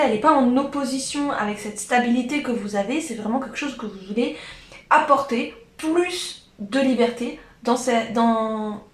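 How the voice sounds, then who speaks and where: A woman giving a casual spoken tarot reading, hesitant, with many fillers and restarts. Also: fairly high pitch. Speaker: tarot card reader. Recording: echoey room.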